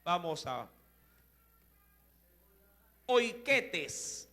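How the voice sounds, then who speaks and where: A man preaching a sermon, explaining Greek words and asking his listeners rhetorical questions in a slow, deliberate way. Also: high-pitched, big pitch swings, bright, forceful tone, soft background music. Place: church.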